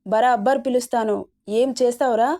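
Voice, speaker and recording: A woman's voice: fairly high pitch, fairly even intonation, brisk, dark tone, natural voice. A woman voicing a greedy, quarrelsome village man who talks in a defiant, threatening way.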